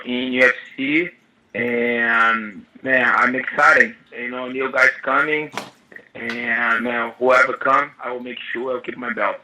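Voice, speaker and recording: A man's voice: mid-range voice, pushed and bright, low-quality recording. A man interpreting answers in the first person on a press conference call, heard over a speakerphone line.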